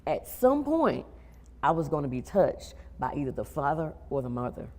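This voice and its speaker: A woman guest tells her story on a talk show, speaking quietly and haltingly. Her voice is low and mellow. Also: very animated. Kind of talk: personal testimony interview.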